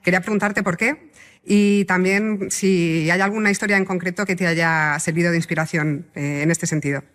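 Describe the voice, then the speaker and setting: A woman's voice: on the low side, fairly even intonation. Polite Spanish woman asking from the audience. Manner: polite, grateful, measured questioning. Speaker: audience member asking a question. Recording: echoey hall reverb.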